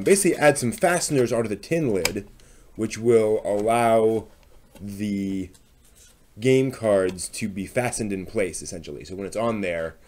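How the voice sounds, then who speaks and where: Hosting a live craft stream, a man with a fairly low, slightly mellow voice casually talks through a hands-on demo. He thinks aloud tentatively and often lets his sentences trail off, and there's slight background noise.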